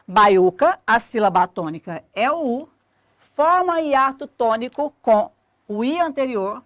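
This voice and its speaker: A woman, explaining a grammar lesson clearly and methodically as a teacher. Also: a little high, lively intonation, measured pace, a bit bright, dry recording, muffled recording.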